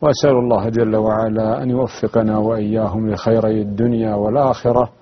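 Man, religious scholar, low voice, husky, measured and prayerful, muffled audio. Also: flat delivery. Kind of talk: formal religious speech. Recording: dull muffled broadcast audio.

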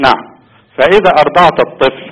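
A man calling in over the phone to ask a question, explaining slowly and carefully with some halting. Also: fairly high pitch, a bit bright, husky. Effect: heard over a phone line. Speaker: caller. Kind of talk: asking a question on a call-in show. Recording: muffled phone line.

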